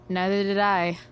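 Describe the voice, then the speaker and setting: An unhurried, wry teenage girl in a video game, with a mid-pitched voice. She is casual, halting and sarcastic, over faint background noise. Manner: sarcastic, hesitant, casual slang.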